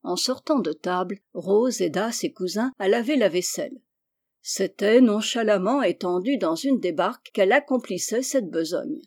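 A woman narrates a classic children's novel in a measured, expressive reading voice. Her pitch sits right in the middle for a woman, and she tells the story in an even, unhurried way. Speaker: audiobook reader. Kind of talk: scripted narration.

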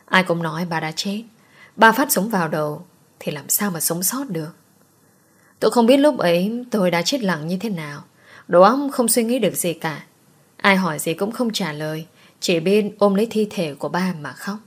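A woman's voice: on the low side, moderate pace, husky. A woman narrating a first-person romance audiobook with an emotional, dramatic reading.

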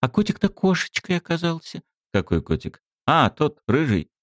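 A man voicing a shy, excitable teenage girl who talks in eager, confiding bursts. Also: fairly high pitch, normal speed, no echo, clean studio sound, pitched above the performer's own voice.

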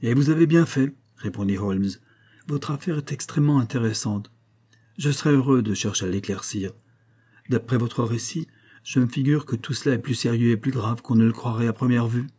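A man reading an audiobook, putting on a brisk, amused male detective. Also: mid-range voice, mellow, slightly rough, natural voice.

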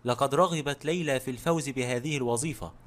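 A man reading the lines of a blunt, sharp-tongued ailing noblewoman in an audiobook. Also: medium pitch, quick pace, natural voice.

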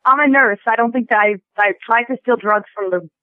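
A woman in her twenties with a Brooklyn accent, chatting excitedly and casually as a phone-in caller. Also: a little high, a little fast, dry recording. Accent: Brooklyn, New York. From Brooklyn, New York. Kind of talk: casual chat. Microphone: telephone. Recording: tinny telephone line.

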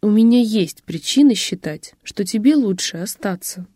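Woman reading a curt bossy guy, clipped dry answers, mid pitch, dead dry sound. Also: animated, normal speed, mellow, no echo, natural voice. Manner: terse, dry, clipped replies. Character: curt, commanding man of means.

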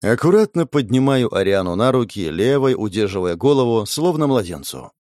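A man's voice: mid-range voice, very animated, normal speed, a little mellow, no echo, studio quality. A man reading a first-person story aloud in an intense, dramatic narration.

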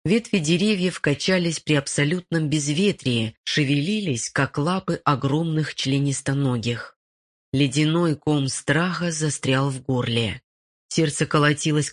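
A narrator reading a horror story in a steady, dramatic manner. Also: medium pitch. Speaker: audiobook narrator.

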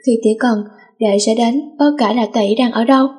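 Woman voicing a gentle, loyal younger brother. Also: a little high, fairly even intonation, moderate pace, husky. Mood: comforting. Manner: soothing and reassuring.

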